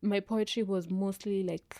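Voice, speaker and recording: A woman's voice: medium pitch, steady tone, a little slow, warm tone, no room sound. A young woman, speaking earnestly and reflectively as an interview guest, with frequent fillers. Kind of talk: candid personal conversation.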